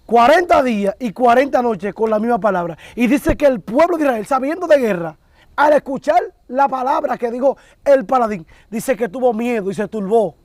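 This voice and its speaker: A man preaches conversationally, retelling scripture as a story to his co-host. His voice is unusually high for a man, and the sound is dry and close. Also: animated, moderate pace, darkish tone, no echo.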